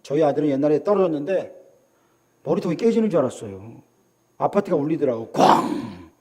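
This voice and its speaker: A middle-aged man from South Korea preaching a sermon as pastor, dramatic, swinging from loud calls to hushed asides and acting out the voices of others. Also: fairly high pitch, expressive, quick pace, background noise.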